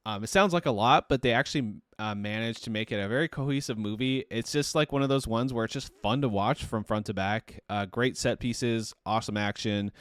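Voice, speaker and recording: A man's voice: medium pitch, no room sound, clean studio sound. A man co-hosting a podcast, chatting casually and rambling through a movie recap, with plenty of fillers and restarts. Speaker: podcast co-host. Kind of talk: casual chat.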